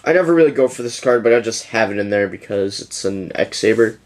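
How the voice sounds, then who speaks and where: A man's voice: fairly low pitch, animated, a little fast. A young man giving a casual, rambling deck profile to his channel, yawning as he goes. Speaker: YouTuber presenting a card deck.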